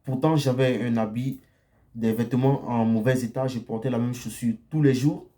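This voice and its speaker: A man's voice: medium pitch, fairly even intonation, normal speed, mellow. A young man giving blunt dating advice in a casual monologue, often tagging his sentences with a questioning "ok?" and repeating himself. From Côte d'Ivoire. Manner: frequent tag "ok?" and repetitions, direct and blunt.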